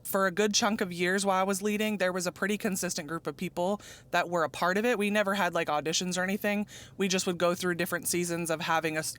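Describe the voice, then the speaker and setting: A woman's voice: on the low side, a bit bright, clean tone. A woman in her forties from Arizona, chatting as an interview guest about her dance ministry, upbeat and often laughing. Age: 40s. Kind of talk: casual chat.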